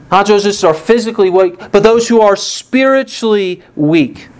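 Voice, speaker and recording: A man's voice: sits high, smooth. A man preaching a sermon with earnest emphasis, from the United States, lifting his voice on the quoted words. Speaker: pastor.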